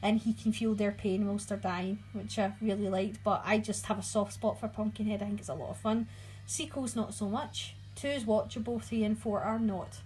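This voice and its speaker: A woman's voice: mid-range voice, fairly even intonation, normal speed, darkish tone, slight background noise, rough recording. A woman co-hosting a casual podcast chat, chatty and often searching for her words. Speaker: podcast co-host. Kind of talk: casual chat about horror movies.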